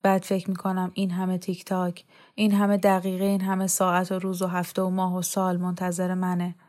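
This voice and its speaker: A woman's voice: on the low side, completely flat delivery, close to an everyday voice. Woman reading a weary grieving mother. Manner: soft, weary, subdued. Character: grieving mother mourning her two sons.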